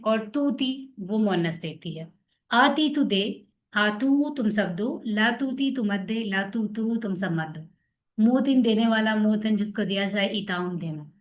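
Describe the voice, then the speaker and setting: A woman teaching Arabic grammar in an online class, patiently drilling verb forms and repeating them slowly. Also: a little high.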